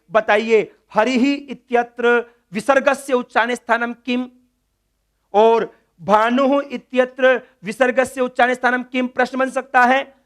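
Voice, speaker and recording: A man's voice: extremely high pitch, fairly bright tone. A man teaching Sanskrit grammar in a classroom lecture, repeating key words and putting questions to the class that he then answers himself. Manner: asks students questions and answers them himself.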